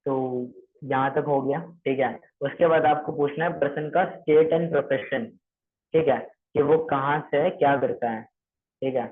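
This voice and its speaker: Tinny-sounding male trainer, upbeat pitch. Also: fairly even intonation, unhurried. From Maharashtra. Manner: repetitive, checks understanding often; mixes English phrases into Hindi. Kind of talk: online training session on calling scripts. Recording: tinny phone-like audio.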